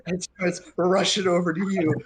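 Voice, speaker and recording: Male game master, slightly high voice, loose narration with fillers. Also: flat delivery, normal speed, a crowd in the background.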